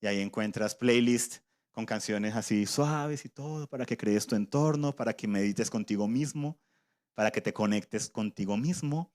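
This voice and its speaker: A man's voice: lowish voice, normal speed, darkish tone. A man preaching a sermon in a conversational way, voicing imagined objections from his listeners.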